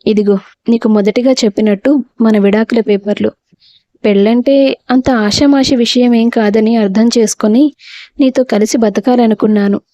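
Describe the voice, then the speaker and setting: A woman voicing a sharp, sarcastic young city woman in an audio story. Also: fairly high pitch, steady tone, moderate pace, dry recording, close to an everyday voice. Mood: resolved. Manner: sarcastic, pointed.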